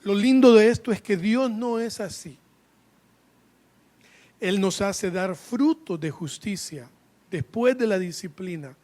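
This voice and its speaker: A man preaching a sermon, calling his listeners brothers again and again and swinging between loud outbursts and hushed asides. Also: high voice, slow pace, long pauses. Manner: fervent preaching, constantly addressing the congregation as brothers.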